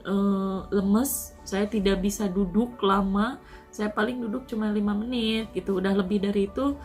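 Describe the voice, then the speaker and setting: An Indonesian migrant worker, speaking at home at an ordinary middle pitch, shares the story of her COVID recovery. She is soft, earnest and unhurried, her phrases often trailing off with "gitu." Faint music plays underneath.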